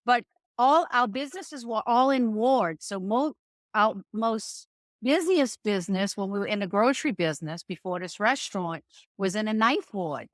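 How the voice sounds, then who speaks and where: At normal speed and medium pitch, a middle-aged woman from New Orleans, Louisiana, talks animatedly as a podcast guest. The restaurant owner tells stories in a folksy, conversational style with her local accent, and the audio has no room sound.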